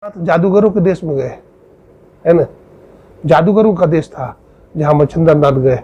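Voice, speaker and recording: A man's voice: moderate pace, mellow, breathy edge. Man telling a devotional story. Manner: acts out dialogue, rises in pitch for quoted voices. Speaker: spiritual storyteller preacher. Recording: dull lo-fi recording.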